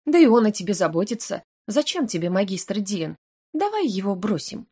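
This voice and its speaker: Audiobook: calm, comforting young elf woman, a woman reader puts her on. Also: medium pitch, normal speed, breathy edge. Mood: soothing. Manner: gentle, coaxing. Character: patient, soothing young elf girl.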